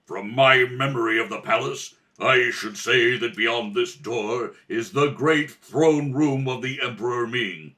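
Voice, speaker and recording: A man's voice: mid-range voice, measured pace, hardly any pauses, pushed and bright, voice pushed down. A man voicing a proud, noble warrior prince in a radio space serial, with formal, archaic speech. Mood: grave. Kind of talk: old-time adventure radio serial acting.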